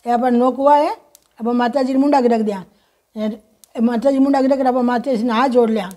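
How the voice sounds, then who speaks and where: A woman with a Rajasthani accent explaining a home ritual in a folksy, motherly way, chanting mantras slowly in a sing-song voice. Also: fairly high pitch, fairly even intonation, warm tone. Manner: folksy, motherly, addresses viewers as children. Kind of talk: instructional talk with mantra chanting.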